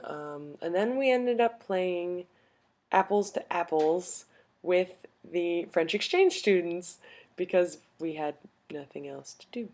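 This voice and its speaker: A woman's voice: on the low side, a little mellow. Give me a young woman from upstate New York telling a rambling vlog story. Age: 20s. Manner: rambling, many fillers and restarts. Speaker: vlogger.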